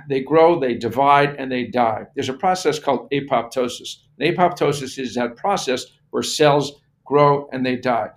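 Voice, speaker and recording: A man speaking as an expert interview guest, explaining things step by step in plain words with emphatic repetition. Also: medium pitch.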